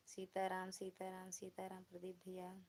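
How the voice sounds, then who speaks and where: A woman's voice: fairly low pitch, completely flat delivery, moderate pace, darkish tone. A woman with an Awadhi accent hosting a casual live stream, chattily greeting viewers by name and humming song snatches into a phone. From Uttar Pradesh, India.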